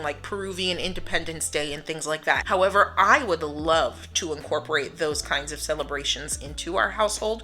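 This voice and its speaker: Bright, chatty American woman vlogging. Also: fairly low pitch. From United States. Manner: chatty and upbeat, laughs often. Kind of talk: casual vlog talk to camera.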